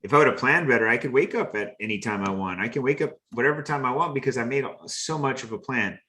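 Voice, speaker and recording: A man's voice: medium pitch, fast talker, sharp tone. A man hosting a motivational talk, speaking earnestly and repeating phrases for emphasis. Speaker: host.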